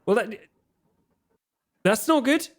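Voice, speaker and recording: A man's voice: animated, takes it slowly, fairly bright tone, full character voice. A man voicing a nervous mummified man who answers in a raised, frantic voice. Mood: jittery. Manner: high, frantic and defensive.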